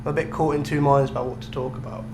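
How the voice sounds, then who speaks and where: A young adult British man races through casual podcast chat as a co-host, his medium-pitched delivery flat. There's a noticeable hum in the echoey room.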